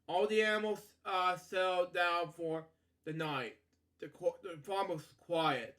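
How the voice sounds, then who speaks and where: A high, sharp-toned male voice hosts a children's story reading full of stumbles and repetition. He keeps wandering into asides, and habitual fillers such as "okay" and "you know" crop up again and again.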